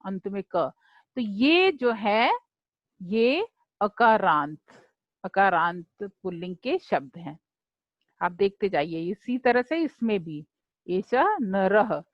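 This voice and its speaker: A woman teacher explaining a lesson slowly and deliberately, repeating words for her students to say along with her. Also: mid-range voice, dry recording, lo-fi sound. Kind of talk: slow classroom explanation.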